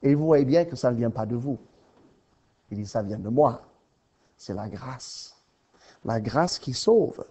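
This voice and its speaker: A man preaching a sermon, asking rhetorical questions and swinging between loud emphatic lines and soft, low ones. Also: lively intonation, measured pace, long pauses.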